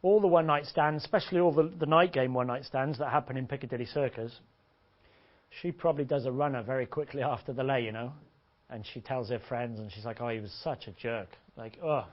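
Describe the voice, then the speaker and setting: A man's voice: mid-range voice, fast. A man giving a blunt, crude, joking seminar talk as a dating coach to a room of listeners. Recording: dull lo-fi audio.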